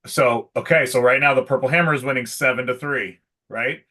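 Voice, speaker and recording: A man's voice: medium pitch, brisk, bright, forceful tone. A man hosting a casual live stream for a shop, talking in a chatty, salesy way with lots of fillers. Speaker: pro shop host.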